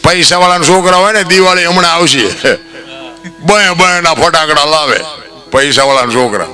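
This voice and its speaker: A man with a Kathiawadi Gujarati accent delivers a fervent folk storytelling talk, his voice high for a man and bright and forceful. He swings from steady telling into loud, lifted outbursts as he preaches to the crowd. Soft instrumental music plays faintly behind him. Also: moderate pace. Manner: impassioned preaching, swells into loud high outbursts, often calls listeners "bapu". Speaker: folk storyteller and literary speaker.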